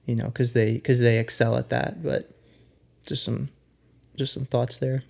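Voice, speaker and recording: A young man with a gravelly, creaky voice talks through a movie on a podcast. He is measured and careful, softening his points with hedges. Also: medium pitch, little pitch movement. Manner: measured, hedging. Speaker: podcast co-host. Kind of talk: casual movie discussion.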